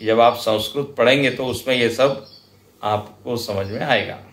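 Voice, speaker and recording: A man with an Indian accent giving a scripture lecture, explaining slowly and deliberately and chanting example verses now and then. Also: medium pitch, steady tone, fairly bright tone. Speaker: spiritual teacher. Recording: roomy hall echo.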